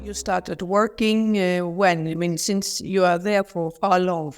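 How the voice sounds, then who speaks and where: A woman interviewer on a video call, asking conversational questions in halting, searching phrasing. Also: on the low side, fairly even intonation, clean tone, soft background music.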